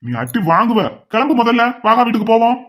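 A woman's voice: fairly high pitch, sing-song, quick pace, a bit bright. A woman voicing a stern father who scolds his little son in a cartoon. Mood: scolding.

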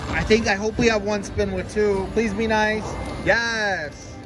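A man giving casual, excited, exclamatory commentary while gambling, coaxing and chatting to his companions. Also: high voice, a little slow. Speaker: slot machine vlogger. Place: busy casino floor. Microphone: handheld phone or camera filming a slot screen. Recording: casino recording with loud machine music. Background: loud slot machine music.

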